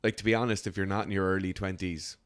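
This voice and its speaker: A low-pitched Irish man chatting on a podcast, recorded dry and close. He is a strength coach who talks bluntly, swears, and mocks people in put-on voices. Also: steady tone, fast talker, smooth, no room sound. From Ireland. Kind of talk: casual podcast chat.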